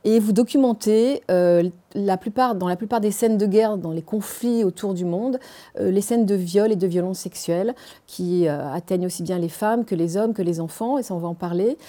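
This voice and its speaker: A woman's voice: mid-range voice, moderate pace, dark tone. A woman interviewing a guest in a TV studio, with an English accent, hesitating often with fillers and restarts.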